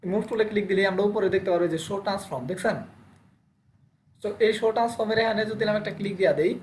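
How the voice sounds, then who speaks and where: A very fast-talking instructor walks through steps in a live online class over a computer mic, with a faint hiss behind. They keep asking themselves what to do next, then answer and repeat the step. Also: medium pitch. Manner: asks and answers own rhetorical questions, repeats steps. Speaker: Photoshop instructor. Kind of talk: live online class, screen-share tutorial.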